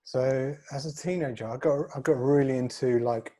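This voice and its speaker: As a guest in an interview, a North London fitness coach of around forty, 30s or 40s, responds casually and modestly, downplaying himself in a London accent. He speaks at a moderate pace in a mellow, medium-pitched voice.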